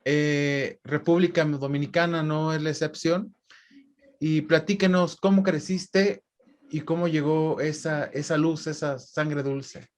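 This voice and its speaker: A man interviewing a guest, asking conversational, somewhat halting questions. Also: on the high side, flat delivery.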